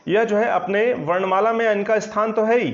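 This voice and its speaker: A man's voice: high-pitched, fairly even intonation, normal speed. A male Hindi grammar teacher giving an online exam-prep lesson, explaining patiently and checking often that students follow. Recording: slightly dull lo-fi sound.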